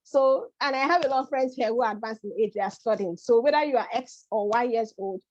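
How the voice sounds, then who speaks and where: A woman's voice: fairly high pitch, fast, no echo. A middle-aged woman from Nigeria giving an informal webinar presentation, chatty and often checking in with "okay?". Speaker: immigration advisor presenting a webinar. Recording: dry, dull lo-fi audio.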